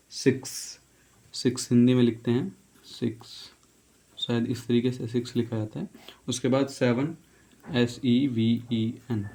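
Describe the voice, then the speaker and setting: A male English teacher with a medium-pitched, slightly mellow voice gives a casual spoken lesson. He spells words out letter by letter, repeats each pronunciation, and checks in with "okay."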